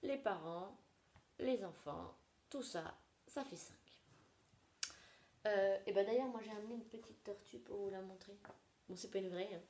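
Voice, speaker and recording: A woman teaching young children a nursery rhyme, gentle and sing-song, dropping at times into soft whispers. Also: mid-range voice, normal speed, pauses often. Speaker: preschool teacher. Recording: echoey room with faint noise.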